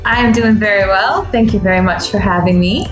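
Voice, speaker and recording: A woman from New York State, a dance instructor, answering interview questions in a friendly, relaxed way with many ums and uhs. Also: medium pitch, moderate pace, reverberant, faint music behind, low-quality recording. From New York State, USA.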